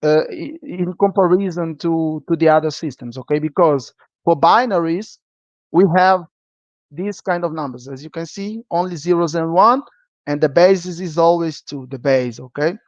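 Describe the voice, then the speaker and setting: A programming teacher whose first language is Portuguese leads a live-streamed lesson at a medium pitch and normal speed. The recording is dull and dry, and he keeps checking in with a frequent "okay?"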